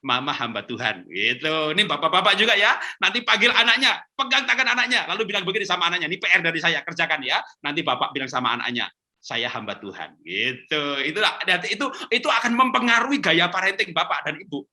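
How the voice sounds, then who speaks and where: A man giving a lively church talk on parenting over a video call, acting out quotes and laughing often. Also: high-pitched, fast, few pauses. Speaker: conference speaker. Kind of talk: lively sermon-style talk on webinar.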